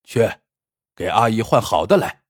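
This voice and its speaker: A man voicing a fat, scheming male shopkeeper who mocks and tests a blind customer, with a husky, teasing manner in a storybook tale. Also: on the low side, very animated, a little slow, no room sound, studio quality, heavily acted. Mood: mocking. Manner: sneering, teasing.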